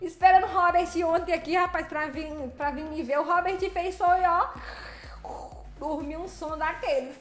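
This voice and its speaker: A woman's voice: very high-pitched, fairly even intonation, moderate pace, a bit bright, echoey room, soft background music. A woman chatting casually on a livestream while driving, playfully greeting viewers by name. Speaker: livestreaming truck driver. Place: vehicle cab while driving.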